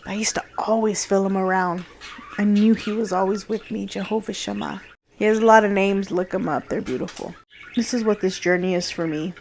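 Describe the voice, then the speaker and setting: Woman vlogger, earnest and soft-spoken, faint noise under the voice. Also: medium pitch. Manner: earnest, heartfelt, softly reflective with bursts of laughter. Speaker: vlogger sharing a faith journey. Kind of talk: personal vlog talk.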